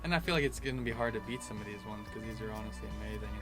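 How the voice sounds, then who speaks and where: A man's voice: fairly low pitch, very fast. A man giving a loose, informal review in a casual chat, as a pipe tobacco reviewer. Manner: informal, loose delivery full of "like". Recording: music clearly playing behind.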